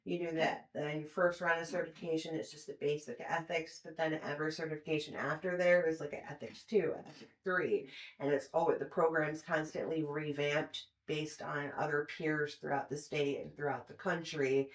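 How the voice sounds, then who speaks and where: Calm woman in an echoey room. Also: sits low, normal speed. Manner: calm, unbothered. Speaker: recovery coach. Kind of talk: podcast interview.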